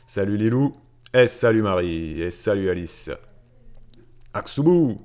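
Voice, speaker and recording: A fairly low-pitched man hosting a relaxed finance livestream from a home setup. He talks loosely, greets viewers one by one and pads his sentences with fillers and restarts. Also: unhurried, clean tone. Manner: chatty, greets viewers by name, many fillers and repeats. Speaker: livestream host on personal finance. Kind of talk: casual livestream chat reading viewer comments.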